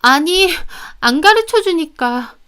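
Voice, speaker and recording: A woman's voice: very high voice, animated, slow pace, fairly bright tone, pitched above the performer's own voice, exaggerated voice. A woman voicing a defiant young sister-in-law who protests shrilly in a narrated story.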